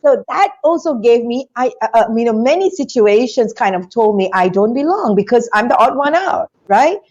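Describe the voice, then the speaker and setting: A woman from Singapore, a guest in an interview, telling her story in an animated, chatty way with frequent restarts. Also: on the high side, normal speed, highs cut off. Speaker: interview guest, business school founder.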